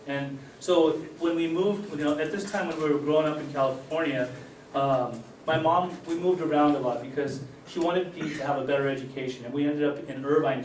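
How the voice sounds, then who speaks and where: A middle-aged man born in Germany and raised in Utah, giving an earnest personal recovery testimony with many fillers and pauses. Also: a little high, darkish tone, slight background noise. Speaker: recovery speaker. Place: event hall. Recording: echoey hall, distant mic.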